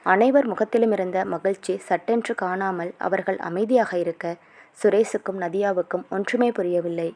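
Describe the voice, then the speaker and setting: A woman's voice: mid-range voice, normal speed, a little mellow. A woman narrating a romance novel as a story, reading all the characters' lines in her own voice with small shifts.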